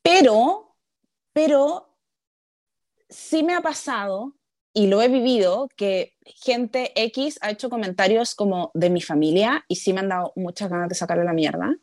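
A woman's voice: mid-range voice, measured pace, a little mellow, no echo, studio quality. A young woman with a Chilean accent chatting casually, hesitant and repeating words. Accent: Chilean Spanish. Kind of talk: casual chat.

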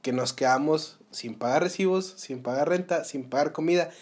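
A man's voice: on the high side, normal speed, a little mellow. A young man with a Mexican Spanish accent hosting a solo podcast, giving earnest advice and asking the listener rhetorical questions. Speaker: podcast host. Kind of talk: motivational solo podcast talk.

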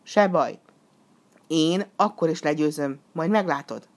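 A woman's voice: sits low, close to an everyday voice. A woman voicing a brave, cheerful young boy hero in a storybook reading, bold and eager. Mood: defiant.

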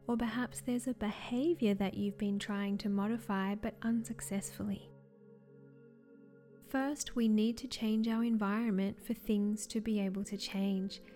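A woman wellness coach reading scripted guidance in a soft, soothing, measured way. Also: mid-range voice. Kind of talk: scripted wellness narration, guided relaxation. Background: music.

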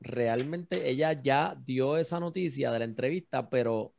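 A man's voice: medium pitch, normal speed, creaky, darkish tone, dry recording. A man in casual chat, asking questions and reacting with short interjections.

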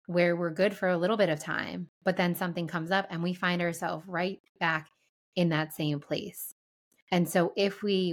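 A woman co-hosting a podcast as an energy healer, chatting casually, laughing often and using spiritual wording. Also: on the low side.

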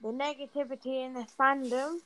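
A woman's voice: sits high, fairly even intonation, a little fast, a crowd in the background, rough recording. A woman chatting casually as a podcast co-host, with a blunt, bantering manner. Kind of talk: casual chat.

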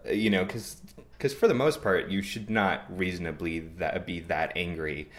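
A man talking in a relaxed, rambling way, with lots of filler words. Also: deep voice, moderate pace. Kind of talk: casual conversation.

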